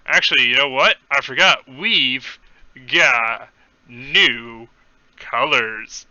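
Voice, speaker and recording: A man's voice: mid-range voice, slow, bright, forceful tone, dry recording, lo-fi sound. A man casually narrating a tabletop fantasy game as game master, in a playful manner.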